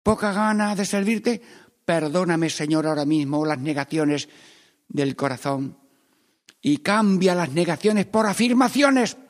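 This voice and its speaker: A man leading a Stations of the Cross meditation, praying aloud and swinging between hushed pleas and loud, emphatic lines. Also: a little high, expressive, unhurried, in a large hall. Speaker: priest.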